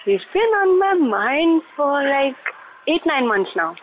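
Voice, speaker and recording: A woman's voice: sits high, big pitch swings, a little slow. Young female caller, Indian accent, hesitant casual delivery, dull lo-fi line with faint noise. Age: young adult. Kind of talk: casual personal chat.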